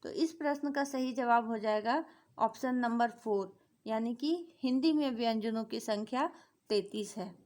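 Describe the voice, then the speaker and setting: A woman's voice: on the high side, unhurried, a little mellow. A woman teaching an exam-prep grammar lesson, asking questions and answering them herself, repeating key points. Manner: repetitive, asks and answers her own questions.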